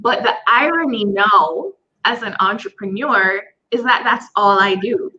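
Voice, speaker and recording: Bright-voiced woman host, muffled audio. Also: medium pitch, measured pace, slight background noise. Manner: candid, self-deprecating. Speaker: podcast host. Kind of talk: conversational interview.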